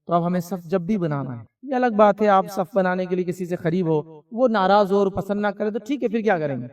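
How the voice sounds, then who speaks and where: A man's voice: sits high, far from the mic. A man giving a conversational religious lecture, asking rhetorical questions and answering them himself. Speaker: Islamic lecturer.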